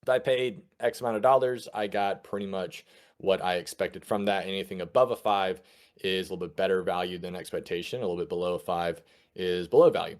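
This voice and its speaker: A man's voice: low voice, a little fast. A man in his thirties co-hosting a casual podcast, chatty and explaining things plainly. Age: 30s. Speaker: podcast co-host.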